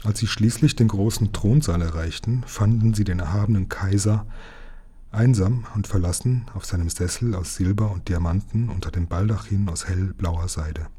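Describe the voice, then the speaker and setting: A man reading a children's book aloud in a calm, measured storytelling manner. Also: low-pitched, slightly rough. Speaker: reader.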